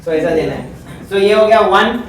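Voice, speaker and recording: Male teacher, chatty and joking, boomy echoing room, voice from a distance, faint hiss. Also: lively intonation, a little slow. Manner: chatty, joking, mixes Hindi and English. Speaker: physics teacher. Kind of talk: classroom lecture. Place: classroom. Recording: echoey classroom, mic far off.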